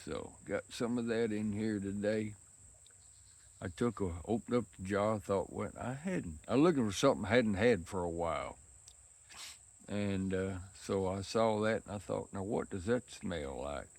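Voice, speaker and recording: A man's voice: fairly low pitch, normal speed, no echo. A worn-out man talking casually outdoors on a windy day, rambling in a folksy rural way about his pipe. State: worn out and sweaty from work. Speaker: pipe-smoking vlogger.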